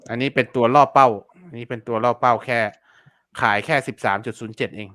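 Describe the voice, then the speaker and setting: A man's voice: mid-range voice, fairly even intonation, fast talker, fairly bright tone, no echo. A man teaching online selling in a casual live-stream lesson, chatty and repetitive, full of fillers and polite particles. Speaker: online seller teaching keyword research.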